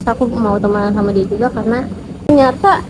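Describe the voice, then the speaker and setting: A woman's voice: medium pitch, fast, a crowd in the background, rough recording. A young woman chatting casually and emphatically as a vlogger, often repeating words for emphasis. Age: young adult. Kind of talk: casual chat. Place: outdoor roadside eatery. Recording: clear traffic noise from roadside. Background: street ambience and passing vehicles.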